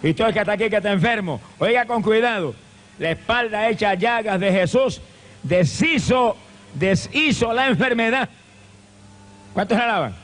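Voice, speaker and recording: A male evangelist preaching a fervent revival sermon, with impassioned repeated cadences and bursts of shouted praise. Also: high voice, fairly quick. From Puerto Rico.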